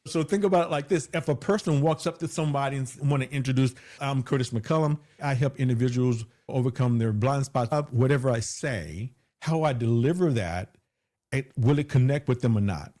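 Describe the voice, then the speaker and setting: A male hypnotherapist, interviewed as a guest in a conversational setting, mentions having a big voice. He talks a little fast in a mellow mid-range voice, emphatic and repeating phrases to drive points home.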